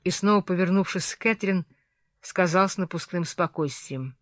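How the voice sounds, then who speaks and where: A reader narrating a novel in a steady, measured voice of middling pitch. The recording is dry and close, with no room sound at all. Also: no echo. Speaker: audiobook reader. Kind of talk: scripted narration.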